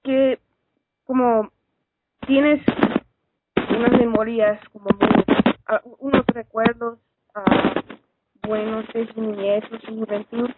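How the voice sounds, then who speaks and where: A woman conducting a friendly class interview, asking questions in a halting way. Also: a little high, fairly even intonation. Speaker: student interviewer. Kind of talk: casual phone interview. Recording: tinny phone line with faint noise.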